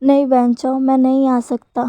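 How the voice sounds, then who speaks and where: A woman's voice: high-pitched, flat delivery, normal speed, mellow, lightly acted. A woman voicing an upset young man who pushes back against a friend, read in her plain narrating voice. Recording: dull lo-fi sound.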